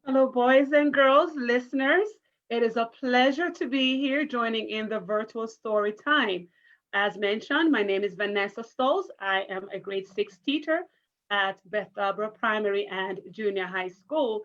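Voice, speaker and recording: A woman primary teacher reads aloud to children on an online story time video call, engaging them interactively in a careful, encouraging manner. Her voice is on the high side and fairly bright, her pace measured, and the call audio sounds muffled.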